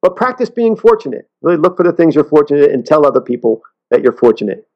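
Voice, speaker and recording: A man talking as an interview guest, earnest and halting, often restarting his sentences. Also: a little high, big pitch swings, highs cut off. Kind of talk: casual interview talk.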